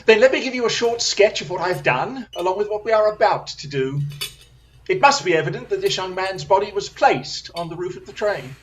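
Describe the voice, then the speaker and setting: In an audio drama, an actor voices a keen, self-assured gentleman detective who speaks in formal, precise phrases. He takes charge with theatrical confidence at a medium pitch, sounding expressive, brisk and genial, close to an everyday voice.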